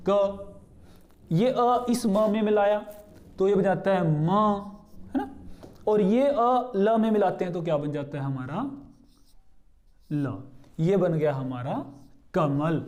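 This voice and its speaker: High-voiced man teaching Hindi grammar. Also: dark tone. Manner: asks questions and answers them himself; repeats key terms slowly for emphasis. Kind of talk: explanatory lesson.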